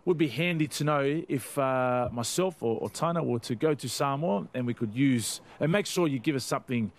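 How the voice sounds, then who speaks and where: A man's voice: medium pitch, normal speed. A man hosting a sports show in an upbeat, casual radio chat style.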